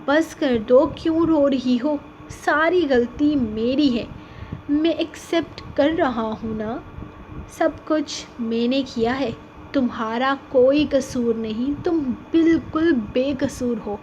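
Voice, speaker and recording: A woman voicing an affectionate, patient young husband in an audiobook novel reading, speaking softly and gently coaxing. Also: high-pitched, lo-fi sound, a little hiss or hum, lightly acted. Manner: gently coaxing, soft-spoken.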